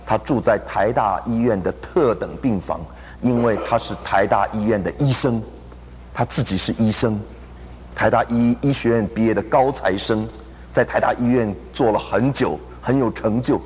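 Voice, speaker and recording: A man's voice: on the low side, moderate pace, a little mellow, slight background noise. A man preaching a sermon, telling a story animatedly and acting out the people he quotes. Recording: long hall reverb.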